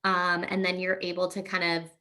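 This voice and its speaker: A woman speech-language pathologist giving a webinar presentation, explaining in a relaxed way with frequent fillers. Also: fairly low pitch, a little fast.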